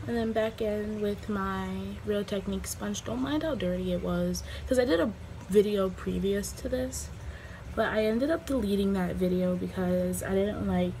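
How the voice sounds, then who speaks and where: A woman giving a casual, chatty makeup tutorial, her voice slightly hoarse as it recovers from being lost. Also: medium pitch, noisy background. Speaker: beauty vlogger.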